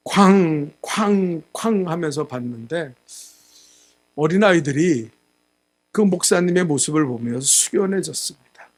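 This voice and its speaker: A male pastor giving a sermon, telling a story and acting out the quotes, growing loud at the high points. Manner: storytelling with acted quotes, rising loud at climaxes. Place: church sanctuary.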